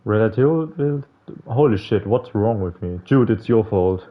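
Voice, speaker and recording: A let's player reads a visual novel aloud in a casual, informal playthrough, stumbling, swearing a bit and adding his own remarks over game music. His fairly low voice is animated and a little slow, with lo-fi sound.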